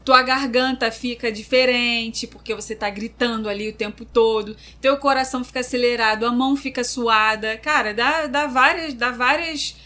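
A woman's voice: fairly high pitch, steady tone, moderate pace, few pauses, pushed and bright. A woman co-hosting a casual chat, describing things vividly with sound effects and repetition.

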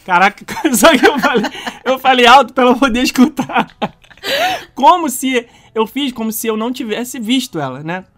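A Brazilian man co-hosting a podcast, telling an anecdote in a slangy, animated way with lots of restarts. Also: very high-pitched, normal speed. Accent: Brazilian Portuguese. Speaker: podcast co-host. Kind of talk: casual storytelling chat.

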